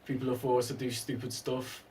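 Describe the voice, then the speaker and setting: Male actor guest, flat delivery, slightly off-mic with faint room sound. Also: medium pitch, a little fast, far from the mic, a little hiss or hum. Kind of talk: casual interview chat.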